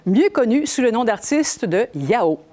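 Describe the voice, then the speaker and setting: A woman's voice: a little high, very animated, measured pace, darkish tone. A woman, hosting a live event in a playful manner, stretching out words for emphasis. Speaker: host.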